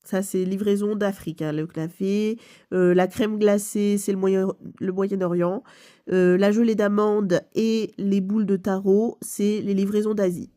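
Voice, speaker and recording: A woman's voice: mid-range voice, steady tone, unhurried, dark tone. A woman with a stuffy nose from a cold, explaining a game casually with many fillers and self-corrections. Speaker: video game channel host.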